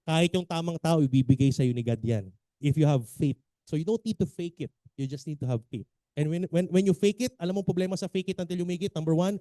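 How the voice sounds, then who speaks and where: A man's voice: a little high, no echo. A man with a Filipino accent giving an emphatic seminar lecture as a business trainer, often checking in with his audience. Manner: animated, emphatic, quizzes the audience.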